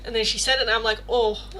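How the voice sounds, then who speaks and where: Animated and bright with a pushed quality, a young woman's slightly high voice moves at a moderate pace as she does a casual tarot reading on a livestream in a Rotterdam Dutch accent. She rambles chattily through chat questions, often using fillers and correcting herself. The audio is poor, with slight background noise.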